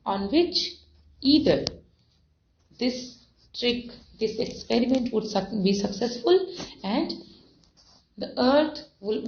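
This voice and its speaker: A woman teaching an English textbook lesson, reading passages aloud and explaining words slowly, with many fillers and repetitions. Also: mid-range voice, gravelly. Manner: slow, repeats and defines words, many fillers. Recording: dull lo-fi recording.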